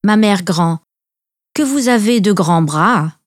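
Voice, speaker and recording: A woman's voice: mid-range voice, lively intonation, slow, no echo. A woman reader plays a trusting little girl from a storybook. She speaks in a naive, polite way, dry and close to the mic. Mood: wondering. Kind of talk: storybook reading.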